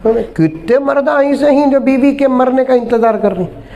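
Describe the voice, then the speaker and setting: A man's voice: very high voice, moderate pace, muffled recording, a little hiss or hum. A man, an Islamic preacher telling humorous stories in a sermon and acting out the people in them. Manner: animated, acts out quoted people.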